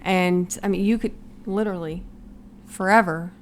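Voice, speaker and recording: A woman's voice: lowish voice, steady tone, moderate pace, a little hiss or hum. A woman co-hosting a podcast in casual chat, laughing often and giving brief reactions. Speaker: podcast co-host.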